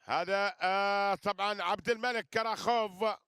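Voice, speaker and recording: A man's voice: sits high, fairly even intonation, moderate pace, pushed and bright, clear, resonant tone, dry recording, clean studio sound. A man giving live wrestling commentary, repeating phrases and addressing listeners with flourishes. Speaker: sports commentator.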